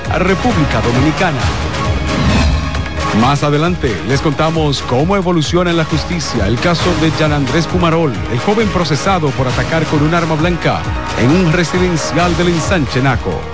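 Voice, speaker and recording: A male anchor reads upcoming news items. His voice sits a little high. Loud music runs beneath him. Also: moderate pace. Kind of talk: news teaser.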